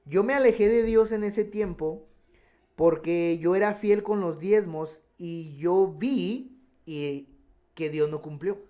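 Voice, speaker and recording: Radio testimony guest, man, somewhat higher voice, earnest, keeps restarting. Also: takes it slowly, warm tone. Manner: earnest storytelling with many restarts.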